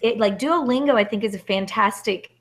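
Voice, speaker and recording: A woman's voice: a little high, fairly quick. A woman teacher leading a casual online book club discussion, talking emphatically and chattily.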